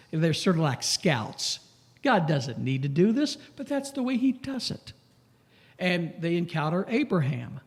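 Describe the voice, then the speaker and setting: A man preaching a sermon in a church, slow and emphatic, lifting his voice on questions and dropping low for asides. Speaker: pastor.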